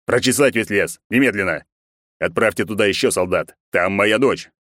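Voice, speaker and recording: A man's voice: sits low, moderate pace, dry recording, studio quality, lightly acted. A man voicing a cold, ruthless emperor who speaks curtly and menacingly in an audiobook. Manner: menacing, curt, imperious.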